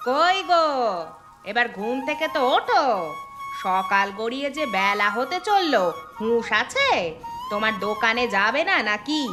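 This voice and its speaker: A woman's voice: a little high, sing-song, a little slow, over music. A woman voicing a fussing, scolding middle-aged wife and mother in a dubbed cartoon. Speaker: cartoon voice actor. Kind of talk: cartoon dubbing.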